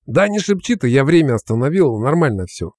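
A man voicing a coarse, cocky middle-aged uncle with supernatural powers in an audiobook, talking in a gruff, slangy, swaggering way. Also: mid-range voice, sing-song, a little fast, darkish tone, no room sound, studio quality.

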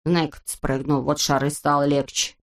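A woman's voice: deep voice, flat delivery, normal speed, pitched below the performer's own voice. A woman doing a grumpy, grumbling little boy. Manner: grumbling, sour.

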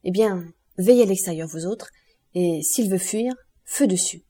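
A woman reading an audiobook voices a gendarme sergeant giving brisk orders. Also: fairly low pitch, warm tone, husky. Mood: commanding. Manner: brisk, commanding.

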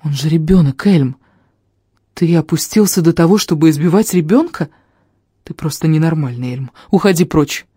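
Reader doing a young singer lady, soft but firm, warm mellow voice, dry. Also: mid-range voice, animated, normal speed, slightly rough, no echo. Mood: stern. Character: gentle young woman singer, now stern. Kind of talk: audiobook character voicing.

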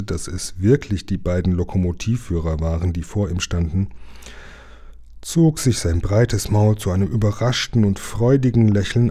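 Low, husky man reading a story aloud. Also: mellow. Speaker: reader. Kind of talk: reading a children's book aloud.

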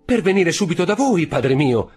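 A man's voice: on the high side, very animated, moderate pace, darkish tone, husky, soft background music, pitched above the performer's own voice, exaggerated voice. A man reading an audiobook, voicing an earnest, hopeful young sailor who speaks eagerly and respectfully.

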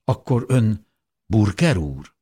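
A man's voice: lowish voice, big pitch swings, mellow, slightly rough, voice pushed up. A man voicing a young woman caver in an audiobook who asks eager, polite questions.

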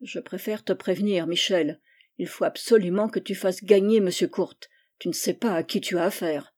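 A woman reading the part of a frightened middle-aged café owner, speaking in a hushed, urgent way. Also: lowish voice, moderate pace, lightly acted. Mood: fearful.

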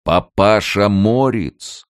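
A man voicing a huge, gentle male gatekeeper who calls out slowly and loudly. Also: very animated, clean tone, dry recording, clean studio sound, full character voice. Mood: booming. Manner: slow, booming calls.

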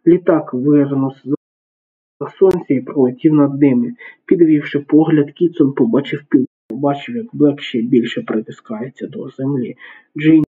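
A man narrating an audiobook in a steady, even reading voice. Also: medium pitch, normal speed, slightly rough. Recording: narrow phone-like sound.

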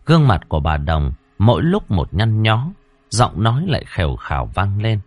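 A man storyteller narrating a ghost tale in a low voice, slow and deliberate. His delivery is dramatic, rising and falling with a lot of expression. The recording is dry and close. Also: very animated, slightly rough, no echo.

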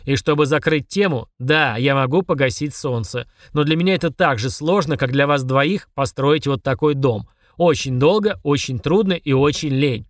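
A man voicing a haughty, short-tempered male demon lord who roars and sneers at mortals in a slow, booming manner. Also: no echo, clean studio sound, lightly acted. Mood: scornful. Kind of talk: audiobook character voice.

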